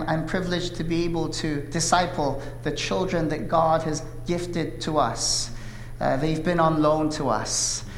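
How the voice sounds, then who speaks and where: A Korean pastor in his thirties, Korean being his first language, delivers a sermon that opens with a prayer. His voice is a little high, his delivery earnest and measured with frequent "uh" fillers, and the church sanctuary adds echoey hall reverb and faint room noise.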